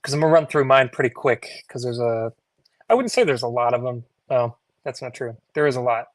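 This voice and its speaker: A man telling a personal story casually, in a laid-back, halting conversational way. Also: medium pitch, lively intonation, no echo.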